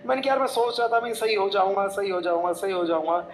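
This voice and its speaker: A young man with a rather high voice, a coaching teacher, spins chatty, jokey stories for his students. His talk is full of quoted back-and-forth dialogue. The room has a noticeable echo and some faint background noise. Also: fast. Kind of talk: motivational storytelling to students.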